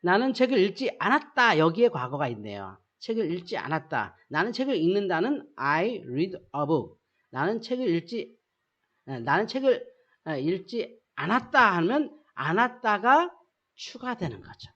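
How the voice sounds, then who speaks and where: A teacher explaining grammar in a recorded lesson, with a lively pitch that swings up and down. The speaker keeps posing rhetorical questions, answers them, and repeats key phrases over and over. The sound is dull and lo-fi. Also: normal speed. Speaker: English teacher.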